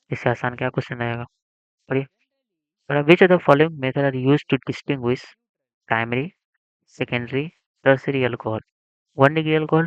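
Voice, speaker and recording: A man of middle pitch teaches an exam chemistry lesson, putting questions to his students and answering them himself. His voice is smooth and resonant. The recording is dry and somewhat dull. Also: no echo.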